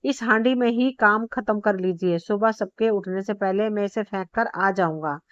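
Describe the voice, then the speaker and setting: A woman's voice: mid-range voice, normal speed, no echo, dull audio, natural voice. A woman voicing a cunning young male servant in a spoken story, mock-polite and coaxing.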